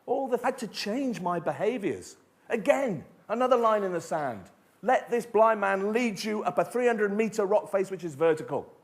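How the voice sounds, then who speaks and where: A middle-aged motivational speaker with a high-pitched, animated voice delivers an emphatic keynote speech at normal speed, telling stories and asking rhetorical questions.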